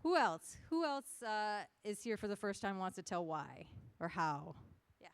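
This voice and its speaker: A woman's voice: medium pitch, big pitch swings, measured pace, clear, resonant tone, dry recording. A woman emceeing a costume contest on stage, chatty and joking as she rallies the crowd. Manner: chatty, joking, rallying the audience. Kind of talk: lively stage hosting to a crowd.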